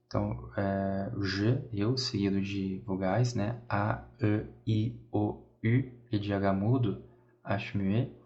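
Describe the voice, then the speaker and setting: Low-voiced Brazilian man teaching French. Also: fairly even intonation, takes it slowly. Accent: Brazilian Portuguese. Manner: explains step by step, repeats phrases, checks in with "tá?". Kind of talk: bilingual language lesson. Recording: dull lo-fi audio.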